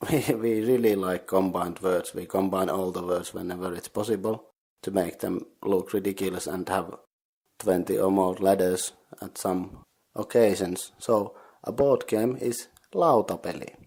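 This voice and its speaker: A man's voice: low voice, darkish tone, breathy edge. A man with a Finnish accent, hosting a podcast, teaching Finnish words for board gamers syllable by syllable, recorded in a sauna. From Finland. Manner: patient, slow, spells out syllables. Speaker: podcast host. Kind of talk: language lesson for board gamers. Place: sauna, indoors, not heated.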